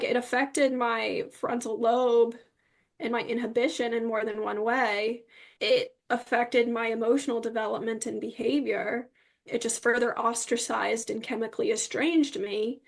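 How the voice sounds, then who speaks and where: A woman with a slightly high, unhurried, gravelly voice speaks as an interview guest about her personal experience with psychiatric medication. Her testimony is candid, earnest and rambling, and she often seeks agreement.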